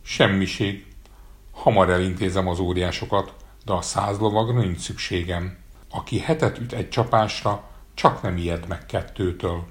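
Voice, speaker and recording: A man's voice: deep voice, fairly even intonation, natural voice. A man voicing a boastful, clever little male tailor in a storybook reading, bragging and breezy.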